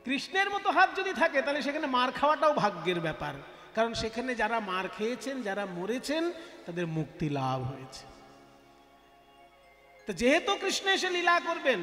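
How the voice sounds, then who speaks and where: A man delivers a devotional discourse in a very high, animated voice that swoops up and down. He asks his listeners questions, answers them himself and repeats words to drive the point home. The sound rings with long reverb in a big hall, with faint music behind. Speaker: kirtan singer and religious storyteller.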